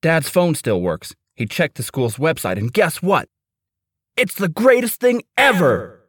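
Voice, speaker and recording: A man voicing an excitable, teasing older brother, a boy, in a read-aloud children's story. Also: mid-range voice, unhurried, no room sound, studio quality. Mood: excited. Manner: loud, gleeful, prankish.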